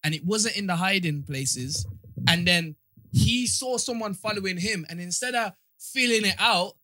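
High, bright London roadman voice. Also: normal speed, dry recording. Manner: roadman street slang delivery. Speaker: actor. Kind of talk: casual banter, questioning.

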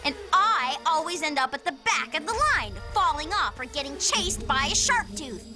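An actress voicing a bossy young girl dinosaur in an animated film, complaining in a matter-of-fact way. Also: sits high, moderate pace. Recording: film clip with music behind.

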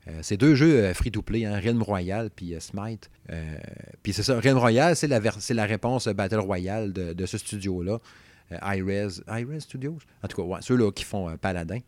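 A man's voice: on the low side, darkish tone, dry recording. A man with a Québécois French accent, hosting a casual video game podcast and rambling chattily with lots of fillers. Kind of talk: casual chat.

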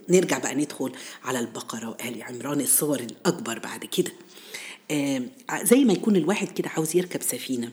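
A woman with an Egyptian accent hosts a religious storytelling series in a conversational style. Her voice sits low, with a mellow, dark tone. She teaches as she goes, addressing listeners directly and posing rhetorical questions. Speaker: storyteller and host of a Ramadan series on Quran stories.

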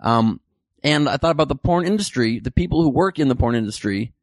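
A man's voice: medium pitch, expressive, a little fast, no echo. A man hosting a comedy show, delivering a dry, rambling monologue full of self-correcting jokes. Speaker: comedy podcast host. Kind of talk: deadpan comic monologue.

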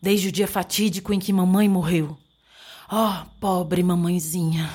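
An actress playing a sheltered, dreamy young maiden who talks in theatrical, tearful sighs, with a breathy voice, in an audio drama. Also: female voice, medium pitch, fairly even intonation, a little fast, dark tone, close to an everyday voice. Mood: melodramatic.

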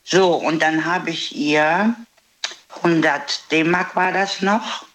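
A woman's voice: low-pitched, slow pace, slight background noise. Indignant woman telling a story. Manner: lively storyteller, acts out the dialogue. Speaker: interviewee. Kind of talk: casual storytelling.

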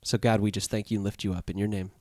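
A man's voice: lowish voice, flat delivery, very fast, warm tone, no echo, studio quality. A man hosting a podcast, leading an earnest closing prayer and sign-off in a stuffy, nasal voice. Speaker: podcast host.

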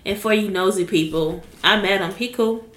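A woman's voice: medium pitch, normal speed, a bit bright. A woman chatting as a guest on a podcast, playful and easygoing. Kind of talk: casual chat. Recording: echoey room with faint noise.

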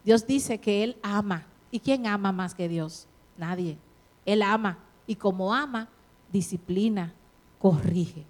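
A woman's voice: medium pitch, slow, a little mellow. A middle-aged woman preaching a sermon to a congregation. She exhorts her listeners, asks them questions and acts out the voices of the people she quotes.

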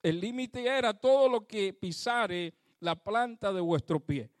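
An unhurried, expressive pastor with a high voice delivers a fervent sermon, praising God and posing questions straight to the congregation. The audio is clean studio sound, free of room sound.

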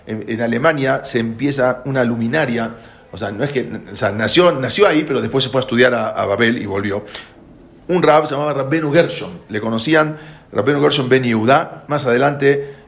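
A man's voice: medium pitch, roomy sound. A man giving a spoken Torah lesson to a class, explaining with many restarts and rhetorical questions. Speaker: rabbi teaching a class.

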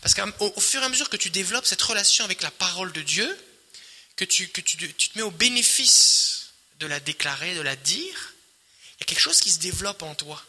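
A man preaching, his voice high and piercingly bright. He drives his points home by repeating phrases, rising loud and then sinking almost to a murmur. The sound rings in a long reverb, as from a large hall. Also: lively intonation, fairly quick. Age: adult, married. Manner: emphatic, repetitive preaching with swells and quiet drops. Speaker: pastor. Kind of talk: sermon.

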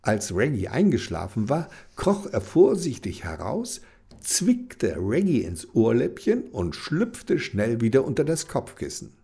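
A man reading a children's story aloud in a lively, expressive way. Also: medium pitch, measured pace, creaky, husky.

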